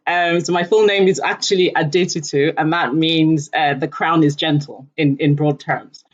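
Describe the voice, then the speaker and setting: A Nigerian woman who leads environmental work at a company talks earnestly about her background and career in a podcast conversation, using frequent fillers. Her low-pitched voice is steady and moves at a normal speed, recorded in dull lo-fi audio.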